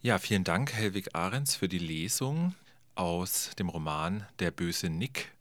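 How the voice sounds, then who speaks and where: Brief: male radio interviewer, lowish voice, calm questions, dry studio. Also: no room sound. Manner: measured, thoughtful questions.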